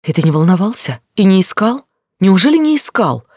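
A man voicing a distraught young woman, desperate and demanding, pleading and rising to shouts. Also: fairly high pitch, lively intonation, normal speed, no room sound, studio quality, lightly acted.

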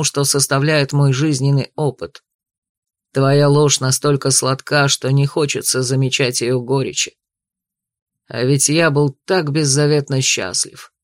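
A man's voice: medium pitch, no room sound, natural voice. Guy reading a young noble fiance, bitter, holding his anger in, dry close mic. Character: young man, a wounded, bitter betrothed nobleman. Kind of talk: audiobook dialogue reading.

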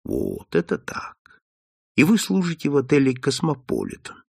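A man voicing a shrewd, calm detective who speaks softly and kindly, in an audiobook. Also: a little high, normal speed, gravelly, breathy edge, no echo, clean studio sound, exaggerated voice. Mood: gentle. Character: shrewd male detective, calm and gently confident. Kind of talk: audiobook character voice.

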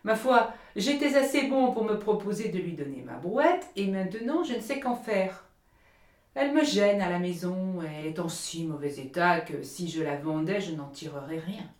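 A woman's voice: fairly low pitch, lively intonation, moderate pace, natural voice. A woman voicing a selfish, smug man, a miller, who speaks in a self-satisfied, hypocritical way, in a storybook reading. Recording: roomy echo.

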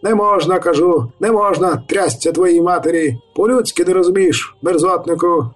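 Man doing a blustering husky village reeve. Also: fairly high pitch, expressive, normal speed, far from the mic, pitched above the performer's own voice. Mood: angry shouting. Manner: blustering, shouting, gruff and jovial. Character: short fat irritable middle-aged male village reeve. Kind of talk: audiobook character voice.

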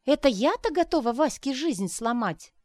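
A woman voicing an indignant, sharp-tongued mother of about forty, raised in pitch and sarcastic in her retorts. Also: big pitch swings, moderate pace, no echo, clean studio sound. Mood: astonished. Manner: shrill, offended, sarcastic retorts.

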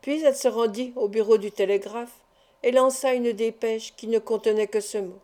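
Warm-voiced woman reading a novel. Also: a little high, steady tone, moderate pace. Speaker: audiobook reader. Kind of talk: scripted novel narration.

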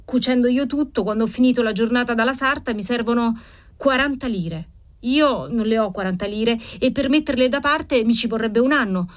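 A woman's voice: fairly high pitch, voice pushed up, lightly acted. A woman reading a story aloud, voicing an eager young seamstress who pleads in a raised voice. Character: eager young seamstress girl asking a loan.

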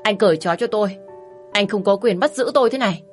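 A woman voicing a young pregnant wife who is defiant and frightened, shouting and pleading near tears. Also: fairly low pitch, normal speed, faint music behind, lightly acted. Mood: cold, defiant.

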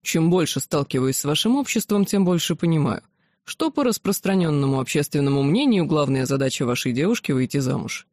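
A reader voicing a blunt, rough-spoken werewolf general, an older man, in an audiobook. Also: mid-range voice, lively intonation, a little fast, darkish tone, no room sound, studio quality. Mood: musing. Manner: plain-spoken, rough, awkward. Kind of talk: audiobook character voice.

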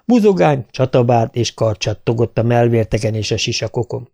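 A man narrating a fantasy story as an audiobook reader, measured and steady. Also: medium pitch, gravelly. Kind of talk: scripted narration.

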